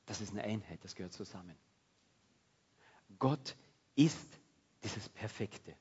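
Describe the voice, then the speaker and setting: A man preaching a sermon in a lively, conversational way. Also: fairly low pitch, unhurried, breathy edge, muffled recording. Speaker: pastor.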